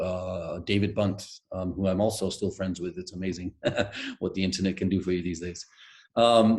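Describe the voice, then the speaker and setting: On a webcam video call from a room in his home, a middle-aged man from Denmark tells stories as a guest, hesitating and reflecting with many fillers. His voice is on the low side with a darkish tone.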